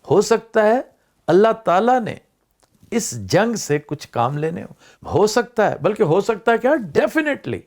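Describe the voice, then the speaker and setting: An older man talks through his thoughts in a casual vlog. His voice sits fairly high and swings widely, climbing on emphatic points and dropping low to close each thought. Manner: discursive, rising and falling emphasis, mixes in English words. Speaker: vlog host.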